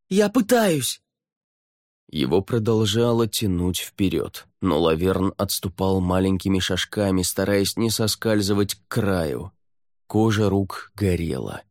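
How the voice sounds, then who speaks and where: A man reads audiobook narration in a very low, steady, measured voice. The sound is close and dry, with no room around it. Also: dry recording. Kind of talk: scripted narration.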